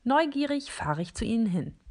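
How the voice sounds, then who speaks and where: A woman narrating a first-person children's story in a calm, deliberate way. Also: medium pitch.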